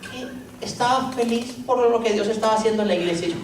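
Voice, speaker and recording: A man's voice: high-pitched, a little fast. Brief: male pastor, humorous storytelling sermon, heard from a distance in a very echoey hall. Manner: joking, storytelling preacher with rhetorical questions. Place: church hall. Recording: echoey church hall, distant mic, faint noise.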